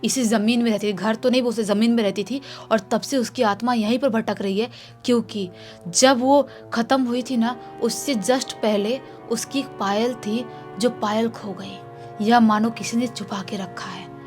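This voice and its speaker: A woman voicing a lovelorn young male jinn who pleads softly and keeps reassuring. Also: a little high, fairly even intonation, normal speed, soft background music, lightly acted. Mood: pleading. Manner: soothing, insistent reassurance.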